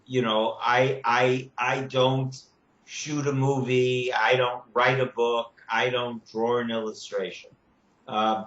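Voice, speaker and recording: A man in his seventies speaking on a video call, measured and halting, with many "you know" fillers. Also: medium pitch, fairly bright tone. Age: 70s. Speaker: children's media producer. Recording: echoey, muffled video call audio.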